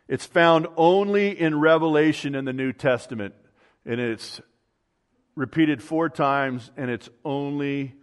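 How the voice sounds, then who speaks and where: A man delivers a sermon at a slow, deliberate pace, leaning on key words and drawing them out to teach. His voice carries the long reverb of a large church hall. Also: medium pitch, clear, resonant tone. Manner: teaching, stretches key words slowly for emphasis. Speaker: pastor.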